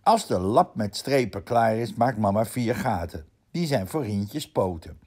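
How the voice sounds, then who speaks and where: A storyteller reading a children's picture book aloud in a gentle, expressive way. His voice is husky, and his pitch moves a lot as he tells the story. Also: measured pace.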